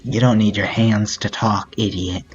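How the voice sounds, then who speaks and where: An emotionless young female assassin, put on by a man reading a game aloud, her voice dropped low, flat and quiet. She sounds detached and menacing. Dull lo-fi audio with faint music under it. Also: unhurried, natural voice. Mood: cold.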